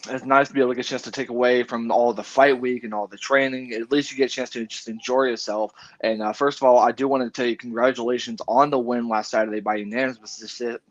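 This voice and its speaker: A man's voice: mid-range voice, fairly even intonation, fast, few pauses. A man hosting an interview in a casual way, rambling and often stumbling over his words. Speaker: interview host. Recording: dull lo-fi audio.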